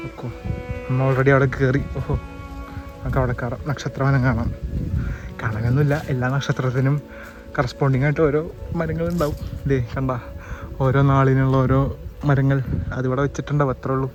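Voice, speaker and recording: A travel vlogger with a medium-pitched, flat voice talks fairly quickly and pauses often as he walks outdoors through a nature sanctuary, casually explaining what he sees. The recording is muffled, and loud background music plays over his voice.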